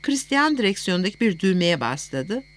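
A woman's voice: medium pitch, big pitch swings, normal speed. Woman narrating a first-person novel. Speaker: audiobook narrator.

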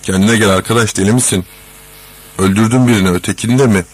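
Storybook: male reader plays a kind, earnest foreman; low and husky. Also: steady tone, fast talker, close to an everyday voice. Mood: urgent. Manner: pleading, urgent. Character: kindly male foreman calming a madman.

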